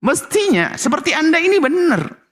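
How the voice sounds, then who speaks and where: A man answering a question in a lively preaching style, acting out quoted speech. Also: normal speed. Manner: lively, shifts pitch widely, acts out quoted lines.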